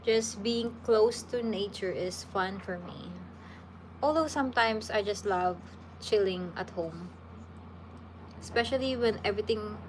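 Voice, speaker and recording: On a casual livestream Q&A, a Filipino woman in her thirties reads viewer questions aloud, talking slowly in a medium-pitched voice. She's relaxed and chatty, restarting often, against a noisy background.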